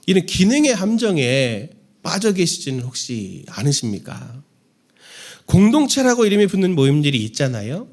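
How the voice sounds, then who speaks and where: A male pastor giving a candid, self-deprecating Sunday sermon to his congregation. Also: a little high. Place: church sanctuary.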